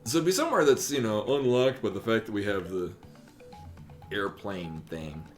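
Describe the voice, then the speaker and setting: A man's voice: fairly low pitch, animated, moderate pace. A man in his thirties chatting casually as he streams a game. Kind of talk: casual chat while playing. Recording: faint game music behind. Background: game music.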